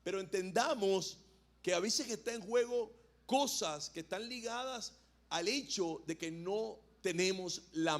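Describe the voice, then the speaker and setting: A man with a fairly high-pitched voice delivers a sermon in a church. He speaks conversationally, joking with the congregation and asking them questions. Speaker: pastor. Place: church hall.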